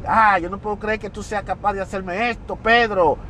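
A man's voice: high-pitched, fairly even intonation, moderate pace, bright, forceful tone, slight background noise. Man voicing an indignant debtor, José. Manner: defensive, self-pitying protest. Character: indignant male debtor dodging repayment.

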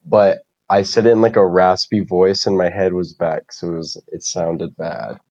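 Low-pitched guy rambling on a podcast, laughs at himself a lot, muffled dry mic. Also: steady tone, moderate pace, a little mellow, no echo. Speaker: podcast guest streamer. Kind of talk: casual podcast chat.

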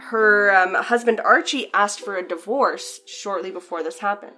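A woman co-hosting a podcast in relaxed chat, telling a story at a mid pitch. She often restarts her sentences as she talks. Faint music plays behind her. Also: normal speed. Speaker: podcast co-host. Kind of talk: casual chat.

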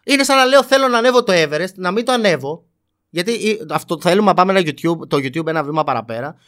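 Animated high-voiced young man arguing. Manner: defensive, emphatic, repeats himself. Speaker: YouTuber. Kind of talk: heated casual debate.

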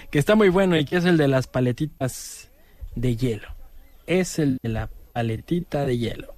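A man's voice: medium pitch, expressive, measured pace, long pauses, a little mellow, dry recording. A man with a Mexican accent hosting a radio joke segment, playful and laughing at his own jokes. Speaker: radio comedy host.

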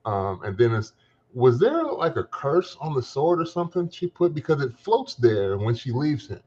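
A man's voice: mid-range voice, big pitch swings, normal speed, darkish tone, dull audio. A man co-hosting a podcast, chatting casually and thinking aloud with many fillers. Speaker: podcast co-host. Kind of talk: casual chat.

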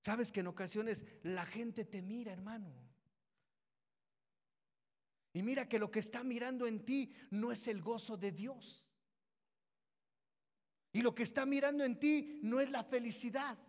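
A man's voice: extremely high pitch, steady tone, measured pace, pauses often. A man preaching a sermon, retelling Bible stories in a storytelling manner and calling his listeners brothers. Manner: storytelling, repeats "dice que", addresses listeners as brothers. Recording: long reverb of a hall.

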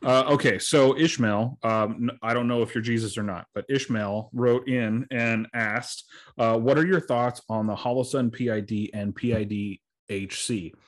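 A man's voice: mid-range voice, steady tone, moderate pace. A man hosting a podcast, chatting casually and rambling with lots of fillers, sounding tired. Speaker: podcast host.

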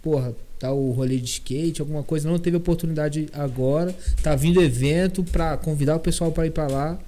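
A man's voice: a little high, fairly even intonation, brisk, mellow. A man with a Rio de Janeiro state Brazilian Portuguese accent, co-hosting a casual chat in a slangy, joking way. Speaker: co-host.

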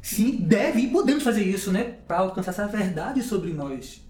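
A Brazilian man speaking as a voice coach on a podcast, calm and reflective, with a gently spiritual manner. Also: high-pitched, normal speed. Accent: Brazilian Portuguese. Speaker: voice coach guest. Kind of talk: podcast conversation. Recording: roomy echo, faint music behind.

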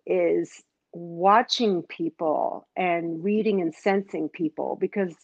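A woman's voice: fairly low pitch, slow, creaky, breathy edge, dry recording. Reflective woman guest with a dull, dry sound. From grew up in Australia, Israel and Canada. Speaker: guest, cybersecurity executive. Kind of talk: podcast interview.

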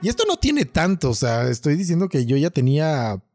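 A Mexican man in his thirties with a slightly high voice, chatting on a casual podcast. He tells stories with animation and acts out every quoted line of dialogue. Faint music plays behind him. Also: big pitch swings, brisk, a little mellow. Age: 30s. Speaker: podcast co-host.

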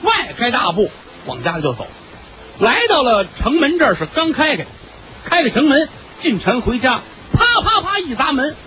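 A man's voice: very high voice, huge pitch swings, moderate pace. A man telling a traditional comic story, with chatty asides to the audience. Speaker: crosstalk storyteller. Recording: dull lo-fi recording with faint hiss.

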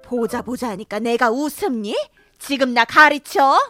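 A woman's voice: high voice, lively intonation, moderate pace. A woman voicing a domineering older mother-in-law who scolds sharply and favors her grandson, in a cartoon drama. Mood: angry. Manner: scolding, sharp, rising to shouts. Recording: faint background music.

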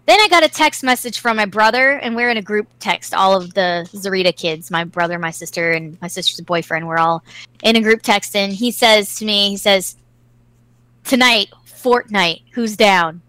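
Brief: chatty storyteller, woman, bright, tense voice, laughs a lot, swears casually, dry close sound. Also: medium pitch, a little fast, smooth, no room sound, poor audio.

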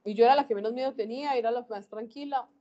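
A woman's voice: fairly high pitch, fast talker, warm tone, lo-fi sound. A woman, earnestly sharing a faith testimony to a group. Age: 40s. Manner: earnest, emphatic, acts out dialogue. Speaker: speaker giving a faith testimony.

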